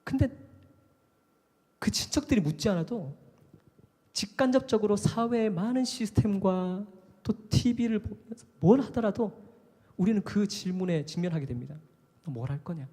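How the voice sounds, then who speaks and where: A man preaching a live sermon at a worship service, animated and conversational, acting out the voices of others. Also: sits high, normal speed, long pauses. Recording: long hall reverb.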